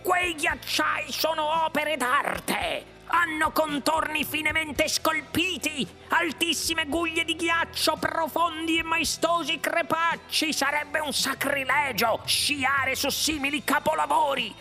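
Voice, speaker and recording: A man voicing an old man who speaks slowly and protests with wounded pride. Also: mid-range voice, creaky, soft background music. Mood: outraged. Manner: slow, protesting. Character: indignant old man, fussy artisan.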